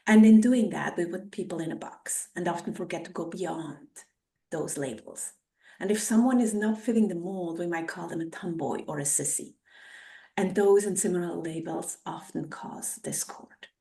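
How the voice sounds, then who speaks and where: A podcast host opens with a scripted introduction and then moves into casual conversation. Her voice is fairly low, creaky and warm at a moderate pace, and she's recorded some distance from the mic in an echoing space.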